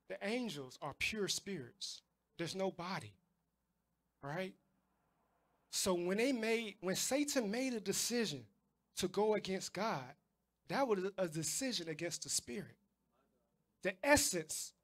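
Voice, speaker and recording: A man's voice: high voice, a bit bright. Emphatic male preacher, repeating for stress. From United States. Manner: emphatic, repeats words when stressing a point. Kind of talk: sermon.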